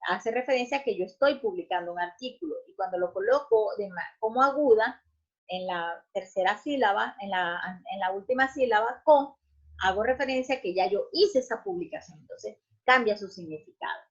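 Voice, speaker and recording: A woman teacher explaining grammar, checking in often with short questions and filling pauses with "este". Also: mid-range voice. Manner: explanatory, checks in with "¿ok?" and "¿verdad?", frequent restarts and "este" fillers. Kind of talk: recorded grammar lesson. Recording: muffled lo-fi recording.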